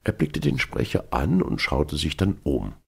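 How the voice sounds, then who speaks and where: A man narrates a novel in a very deep, gravelly voice with a husky edge. His reading moves lively up and down. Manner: measured literary reading. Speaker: audiobook narrator. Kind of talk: scripted narration.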